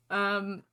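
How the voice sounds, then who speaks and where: A woman narrating as game master for a tabletop game, hesitant and full of fillers. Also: mid-range voice.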